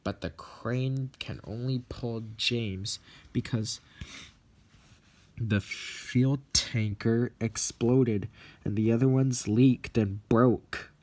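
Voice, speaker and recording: A man narrating a homemade fan story aloud in a plain, unhurried way. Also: mid-range voice, steady tone, a little mellow.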